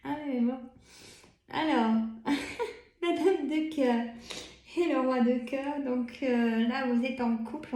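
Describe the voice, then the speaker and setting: A tired woman with a Burgundy French accent, chatting as she reads tarot cards, full of fillers and soft laughs. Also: a little high, echoey room. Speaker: tarot card reader. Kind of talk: casual card-reading video.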